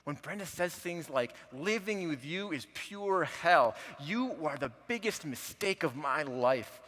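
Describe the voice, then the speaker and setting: This is a broken husband begging to be understood, voiced by a man retelling a counseling session. His pleas come out choked and halting. The tone is bright with a gravelly edge. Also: fairly high pitch, expressive, voice pushed up, full character voice. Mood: anguished. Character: broken middle-aged husband pleading.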